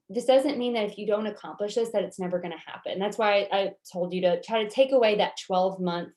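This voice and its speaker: A woman's voice: medium pitch, darkish tone. Encouraging woman with a Southern US accent. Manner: encouraging, conversational, reassuring. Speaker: goal-setting workshop coach. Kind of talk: casual workshop teaching, answering participant questions.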